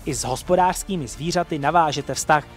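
A man's voice: on the high side, faint music behind. A young man presenting an educational program in a formal, scripted narration. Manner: formal, even delivery.

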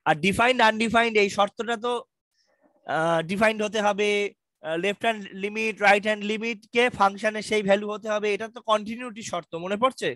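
Male math lecturer, Bangladeshi accent, high bright voice, dry close sound, patient and reassuring. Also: steady tone, quick pace, no room sound. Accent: Bangladeshi Bengali. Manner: reassuring, asks students questions, mixes English terms. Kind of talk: online lecture, casual explaining.

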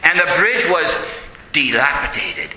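Lively, bright-voiced preacher in an echoey church. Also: male voice, a little high, unhurried. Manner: storytelling, lively. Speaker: priest. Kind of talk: sermon.

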